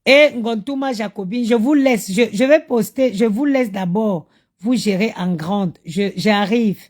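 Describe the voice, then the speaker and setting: Woman, tired, chatty phone live stream, mid pitch, addresses viewers directly. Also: measured pace. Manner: chatty, talks straight to her viewers. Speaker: mother doing a live stream. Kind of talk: casual live-stream chat.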